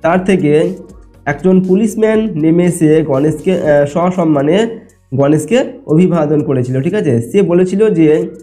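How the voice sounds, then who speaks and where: A man walks through test answers in a slightly raised but mellow voice, pausing often to check that students follow. His delivery is patient and explanatory, with light music playing faintly behind him. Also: on the high side. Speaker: teacher. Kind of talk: exam answer walkthrough lesson.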